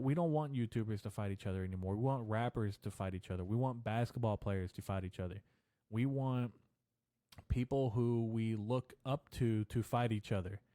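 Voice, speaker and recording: With a mid-range, dark-toned voice in a dry studio-quality recording, the young male host wanders through his solo podcast. His talk is casual and meandering, thick with slang and curses, marked by a slight lisp and stutter.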